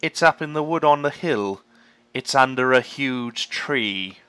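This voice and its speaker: A lean, crafty farmer who drawls his words slowly and smugly, as a male storyteller puts him on. The voice is bright and dry, relishing every cunning word. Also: medium pitch, expressive, clear, resonant tone, no echo. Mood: condescending. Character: thin, crafty, cider-drinking farmer.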